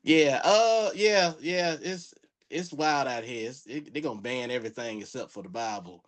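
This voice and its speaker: A man's voice: mid-range voice, moderate pace. Joking Southern man on a podcast. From Florida. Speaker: comedian guest. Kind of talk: casual podcast chat.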